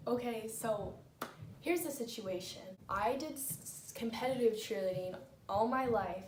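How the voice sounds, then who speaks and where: A young woman in a casual storytelling chat, cutting in with emphatic remarks. Her voice sits at a middle pitch. She is a little off-mic in a roomy space, with faint noise behind her. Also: unhurried, distant mic. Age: young adult. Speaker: co-host.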